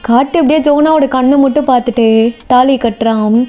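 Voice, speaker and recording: A woman narrating a fan fiction story in a quick, chatty, colloquial way. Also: high-pitched. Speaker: fanfiction narrator. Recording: slightly muffled with faint music.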